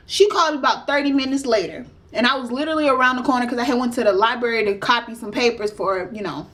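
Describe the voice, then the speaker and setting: A young woman, casually telling a story to her vlog audience and acting out what people said. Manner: animated retelling, acts out quotes with rising pitch. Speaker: vlogger.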